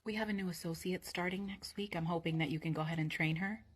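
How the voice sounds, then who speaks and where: Woman acting as a tentative polite office manager in a comedy skit, talks fast, bit of rasp. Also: on the low side, steady tone. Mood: hesitant, uneasy. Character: hesitant, pleading female office manager asking favors. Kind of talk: scripted workplace comedy skit dialogue.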